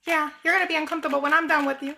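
A woman's voice: high-pitched, steady tone, very fast, creaky, bright, forceful tone, slight background noise, exaggerated voice. A woman voicing a goofy, pushy sock puppet that needles its companion in a comic skit. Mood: taunting.

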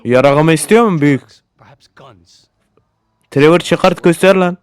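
A man narrates his gameplay in loose, casual commentary, swearing freely and flaring into excitable shouts at whatever happens on screen. His voice sits a little high and stays smooth and clean throughout. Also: measured pace. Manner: profane, excitable, often yelling at the game. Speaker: gaming YouTuber.

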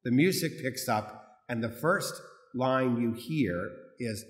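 A man, a priest, reading the gospel and preaching in a measured, formal way, his voice carrying a cathedral echo in a large church. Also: mid-range voice, expressive. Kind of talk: proclaiming the gospel and preaching a homily. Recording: long echoey hall reverb from a big church.

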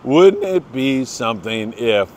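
An older American man hosts a casual fishing report, and his mid-range voice is very animated even at a slow pace. He's chatty, folksy and enthusiastic, congratulating people by name.

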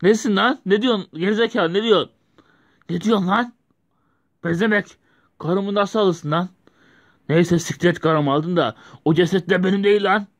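A man's voice: high-pitched, normal speed, long pauses, voice pushed up. A man voicing a hot-tempered man who curses on the phone. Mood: angry. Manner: aggressive, swearing.

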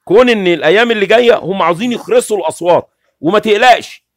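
During a casual home livestream from a small, curtained room, a middle-aged Egyptian-accented host talks fast and insistently, as though walking a viewer through a plan while gesturing constantly. His voice is a touch high for a man, and the recording is dry and close with no room sound.

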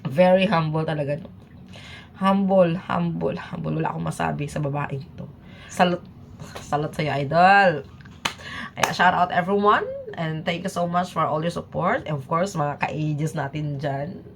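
A woman's voice: sits low, normal speed, slight background noise. A woman from the Philippines chatting casually as a YouTube reaction vlogger, switching between Tagalog and English and laughing often.

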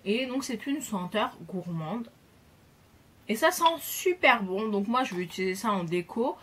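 A young woman vlogger chatting enthusiastically about her Christmas gifts, pausing often to find her words. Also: medium pitch, expressive, fairly bright tone, breathy edge. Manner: chatty and enthusiastic, hesitant pauses. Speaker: beauty vlogger. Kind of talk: casual gift haul chat.

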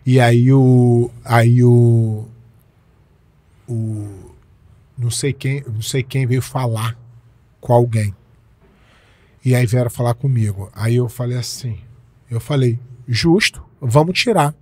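A man's voice: medium pitch, steady tone, slow pace, pauses often, dark tone. A Brazilian man in his forties, a jiu-jitsu coach telling stories in a casual interview, emphatic and repeating his points with slangy speech. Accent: Brazilian Portuguese.

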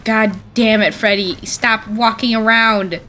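A young woman giving casual, excitable gaming commentary, swearing often and breaking into frequent laughter. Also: a little high, measured pace, slight background noise. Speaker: gamer.

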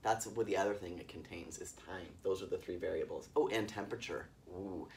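An easygoing man talks through his coffee routine in a relaxed, chatty way. He sounds set back from the mic, with faint background hiss. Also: low voice, a little fast, gravelly, distant mic. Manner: easygoing, laughs often, wordy explaining. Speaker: vlog host making coffee. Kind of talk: casual chatty demonstration. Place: yurt in the mountains.

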